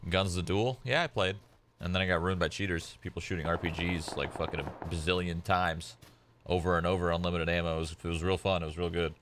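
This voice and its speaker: Streaming games from home, this young Polish-speaking man rambles in a relaxed way, leaning on "like" as filler. He talks fast in a deep, slightly bright voice with fairly even intonation.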